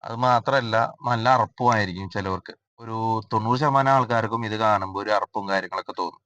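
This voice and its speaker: A man's voice: on the low side, fairly bright tone, dry recording, muffled recording. Chatty man with a dry close sound. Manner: chatty, rambling, frequent drawn-out 'aa' fillers. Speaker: cooking vlogger. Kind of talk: casual cooking narration.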